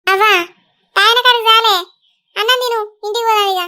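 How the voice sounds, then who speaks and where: A woman with a Telangana Telugu accent plays a part in a village comedy skit, chiding the others. Her voice is very high and bright, and she talks at a fast clip. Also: steady tone.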